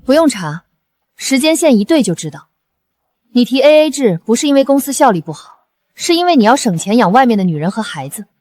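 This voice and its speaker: An actress playing a cool, composed young pregnant designer who answers in cutting, measured lines. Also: female voice, fairly high pitch, very animated, a little mellow, no room sound. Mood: cold. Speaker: chief designer.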